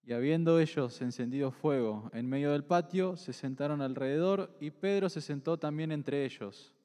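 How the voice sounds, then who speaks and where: A man's voice: a little high, normal speed, dark tone. Man reading scripture in an echoey hall. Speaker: scripture reader. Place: church hall.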